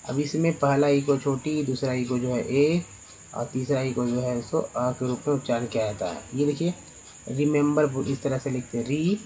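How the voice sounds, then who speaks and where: Man, pronunciation teacher, spells letters slowly, repeats words, faint background hiss. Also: medium pitch, fairly even intonation, dark tone, poor audio. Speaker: English teacher. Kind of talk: spoken lesson on pronunciation.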